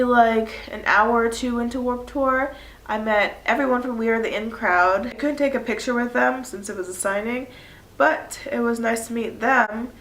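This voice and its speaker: This early-twenties vlogger has a cold that leaves her nose stuffy as she chats to camera in an echoey room. Her voice is on the high side and fairly bright, and her casual talk rambles with many "like" fillers.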